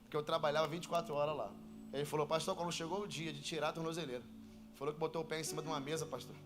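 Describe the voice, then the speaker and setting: A Brazilian man with a high voice preaches from a church pulpit. He tells his story and then climbs into shouted, sing-song preaching. A faint band plays behind him. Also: steady tone, rapid-fire, music in the background. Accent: Brazilian Portuguese. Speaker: pastor. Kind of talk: sermon.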